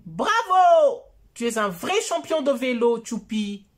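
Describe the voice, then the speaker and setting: Woman as a gentle storybook mother. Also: high-pitched, sing-song, full character voice. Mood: caring. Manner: soft, reassuring, slow.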